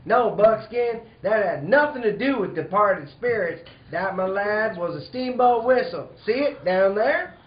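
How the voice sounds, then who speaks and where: Man playing high-voiced heroic cowboy Red Ryder. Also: lively intonation, a little slow, hardly any pauses, roomy sound, muffled recording. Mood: amused, explaining. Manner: hearty, commanding, folksy cowboy talk. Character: heroic, good-humoured cowboy leader of the Old West. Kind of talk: old-time radio western acting.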